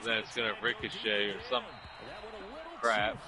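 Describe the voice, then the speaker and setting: A young man playing a football video game, chatting excitedly and nervously. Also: fairly low pitch, moderate pace, a crowd in the background, poor audio. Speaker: gamer. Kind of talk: casual gaming banter.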